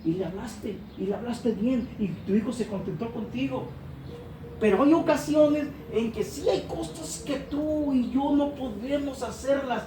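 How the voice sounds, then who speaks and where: Preacher far from the mic in a roomy church, noisy background, goes loud then soft acting out little scenes. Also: sits high, a little slow. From Mexico. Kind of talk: sermon. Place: church hall. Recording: echoey church hall recorded from far off, with background noise.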